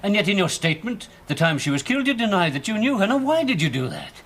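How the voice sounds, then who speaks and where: A middle-aged actor playing a patient, probing police detective who questions a suspect in a 1970s television police drama. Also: male voice, high voice, fast talker, slight background noise, full character voice. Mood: pressing. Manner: calm, probing, coaxing then pressing.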